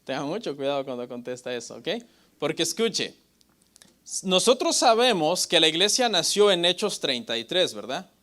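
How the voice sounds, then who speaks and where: A male pastor teaching a Bible lesson with a bright, forceful voice that sits a little high for a man. He keeps putting questions to his listeners and answers them himself, tagging his points with "ok?" and "brother". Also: big pitch swings, normal speed. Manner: often adds "hermano" and "ok?".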